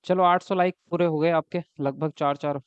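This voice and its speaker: Teaching an exam-prep class live online, a man speaks at normal speed in a slightly high, clear, resonant voice with a steady tone. He's chatty, keeps checking in with viewers with a "right?", and responds to the chat. The recording is dry, dull, and lo-fi, with no room sound.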